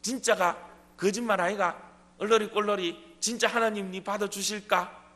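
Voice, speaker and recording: A preacher doing a jeering devil. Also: male voice, high voice, fairly even intonation, normal speed, bright, forceful tone, pitched above the performer's own voice. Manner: sing-song jeering questions. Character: taunting male devil, mocking and goading. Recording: long church hall reverb.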